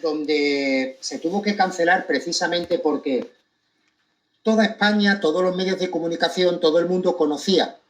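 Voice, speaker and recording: A man with an accent from Spain gives a deliberate, emphatic monologue to an audience, breaking his phrases with pointed pauses. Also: a little high, rough recording. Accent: Spanish from Spain. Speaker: commentator giving his account of a court case.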